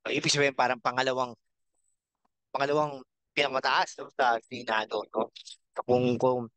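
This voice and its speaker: A middle-aged Filipino-accented man hosts his own commentary channel, drifting through his points slowly, dotting nearly every phrase with a questioning "no?" and the odd throat clear. His pitch sits mid-range and the sound is dry and close. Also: level tone, a bit bright, no echo, poor audio. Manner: rambling, frequent tag question "no?"; slow, halting with fillers and throat clearing. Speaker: channel host. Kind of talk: casual political commentary vlog.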